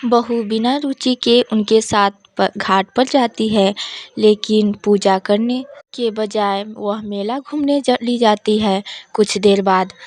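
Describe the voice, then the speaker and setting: A woman tells a devotional folk tale as a storyteller. Her narration is measured and deliberate, paced very slowly. Her pitch sits in the middle of the usual range. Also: fairly even intonation, a little mellow, no echo.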